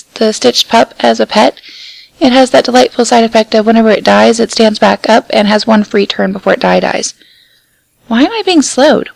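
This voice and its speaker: A woman's voice: on the high side, creaky, dry recording, low-quality recording. A woman casually chatting and commenting on a game she is playing with a friend, playful and self-mocking. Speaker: gaming channel co-host.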